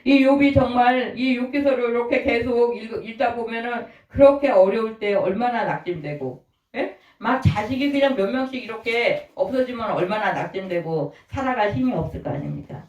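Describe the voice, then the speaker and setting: A man's voice: extremely high pitch, normal speed, darkish tone. A man preaching a sermon as pastor, often putting rhetorical questions to the congregation. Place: church sanctuary. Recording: roomy, distant, dull-sounding church recording.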